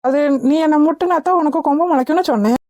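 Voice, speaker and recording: A woman voicing an exasperated, sharp-tongued aunt in a cartoon, scolding and chiding. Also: high-pitched, very fast, heavy background noise, natural voice. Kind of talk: cartoon voice acting.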